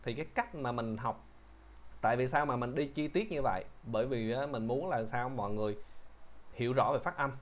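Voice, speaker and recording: A man teaching English pronunciation, who repeats each word slowly and patiently explains how to shape the mouth. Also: mid-range voice. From Vietnam. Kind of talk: pronunciation lesson.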